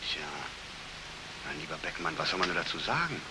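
An actor playing a jovial, condescending older army colonel, breezy and patronizing, in 1940s film acting. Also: male voice, sits low, sing-song, brisk. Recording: hissy old 1949 film soundtrack.

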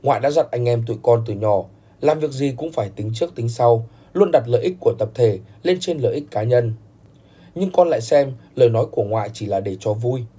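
A man's voice: medium pitch, lively intonation, brisk, warm tone, slightly rough. Man voicing a stern old grandfather. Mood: scolding. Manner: stern, reproachful. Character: older grandfather, stern business patriarch.

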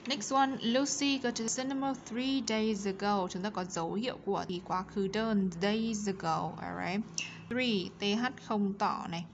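A woman teacher giving a bilingual grammar lesson, reading English examples slowly and carefully and explaining them quickly in between. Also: medium pitch, steady tone, highs cut off, a little hiss or hum.

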